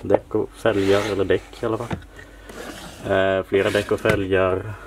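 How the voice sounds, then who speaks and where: Low male voice, unhurried, hobbyist showing his collection; noisy home-recorded sound. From Sweden. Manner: relaxed, listing parts with many fillers. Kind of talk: casual room-tour narration. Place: home workshop room, dim lighting.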